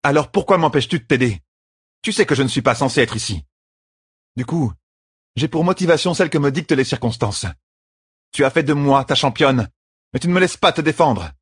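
Man voicing a woman bodyguard, storybook, blunt, mocking, husky, dry. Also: medium pitch, quick pace, dry recording, voice pushed up, lightly acted.

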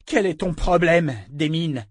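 A man reading an audiobook puts on a defiant captive woman inquisitor, pitched well above his own voice. She taunts and mocks her captor with scorn. The recording is dry and close. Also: measured pace, no echo. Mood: taunting.

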